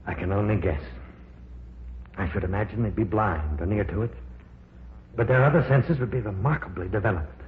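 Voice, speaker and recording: A man playing a calm, explaining professor. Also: fairly low pitch, slight background noise, natural voice. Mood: grim. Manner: measured, explanatory. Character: older male professor, calm, theorizing, steady. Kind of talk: 1950s radio drama acting. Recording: tinny lo-fi old radio broadcast.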